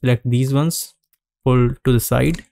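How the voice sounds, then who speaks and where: This 3D modeling tutorial is narrated over a screen capture by a man with a gravelly, medium-pitched voice. He explains each step calmly, pausing frequently, and the studio-quality recording has no room sound.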